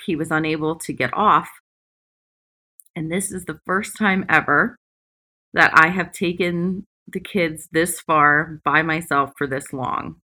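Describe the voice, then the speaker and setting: Female podcast host, bright and lowish voice, reflective solo talk in deliberate phrases, recorded at the beach. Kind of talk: personal reflective podcast monologue. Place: at the beach, away from usual studio. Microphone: makeshift, not usual podcast equipment.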